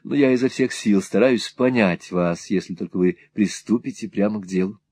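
A man doing a calm, patient young man. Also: on the low side, moderate pace, pitched below the performer's own voice, natural voice. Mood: gentle. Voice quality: calm and gentle.

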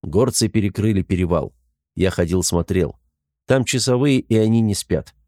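A practical male warrior scout, terse and matter-of-fact, in a low, dry voice, read by a male narrator. He reports plainly in short sentences, with no flourish. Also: lively intonation, moderate pace, darkish tone, no echo, natural voice.

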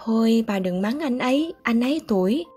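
Faint music underlies this reading, in which a woman takes on the part of an old, calm gentleman. She gives him a husky, slightly high voice and a measured, mildly wry way of talking.

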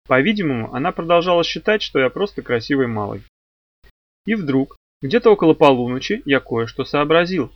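A man's voice: mid-range voice, no room sound, lo-fi sound. A man narrating a detective novel in the first person, with a dry, ironic telling. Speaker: audiobook narrator.

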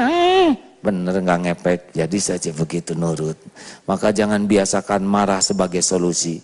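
A man's voice: low voice, a little mellow. A man preaching a sermon to a live audience, asking them rhetorical questions as he goes. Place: large hall with an audience. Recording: long hall reverb.

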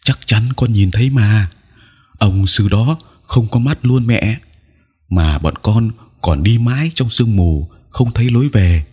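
A man's voice: fairly low pitch, a little slow, a little mellow, breathy edge, voice pushed up. A man voicing a frightened young schoolchild who stammers and pleads. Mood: pleading.

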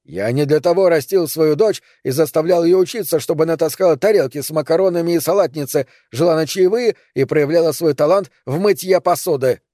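A man reading the part of a stern, disappointed older father, speaking slowly and reproachfully. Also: on the high side, dark tone, no echo, studio quality, pitched above the performer's own voice, close to an everyday voice. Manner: slow, reproachful.

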